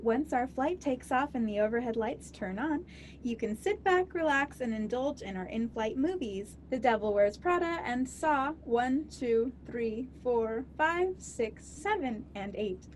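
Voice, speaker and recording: A woman's voice: on the high side, animated, a little slow, a little hiss or hum. A woman playing a sassy, wisecracking flight attendant who slips cheeky asides into the safety talk. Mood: mocking. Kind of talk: comedy sketch acting.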